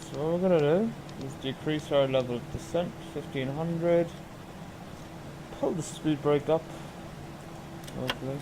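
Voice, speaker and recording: A man's voice: a little high, measured pace, pauses often, background noise. A man giving casual, chatty gameplay commentary on a flight simulator, thinking aloud with enthusiasm.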